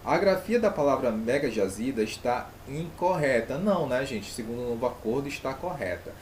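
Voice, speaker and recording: A man's voice: mid-range voice, lively intonation, fairly quick, a little hiss or hum. A man with a Brazilian Portuguese accent, teaching an online grammar lesson and putting rhetorical questions to his pupils.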